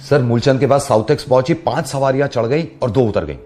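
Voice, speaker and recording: A man's voice: medium pitch, quick pace, mellow. Teasing male radio host. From based in Delhi. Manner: teasing, storytelling, chatty. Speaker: radio host making prank calls. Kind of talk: playful prank call banter. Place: radio studio.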